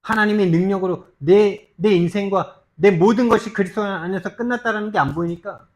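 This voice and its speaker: Male pastor, sermon, fairly high voice, emphatic rhetorical questions, loud bursts and soft asides. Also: brisk. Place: church sanctuary.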